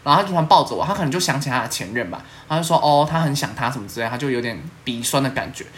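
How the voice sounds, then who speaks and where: A woman's voice: a bass voice, very fast. A young woman with a Taiwanese Mandarin accent, hosting a casual podcast chat and telling stories with lots of laughter and playful swearing. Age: young adult. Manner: animated storyteller, laughs often, swears playfully. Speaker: podcast host.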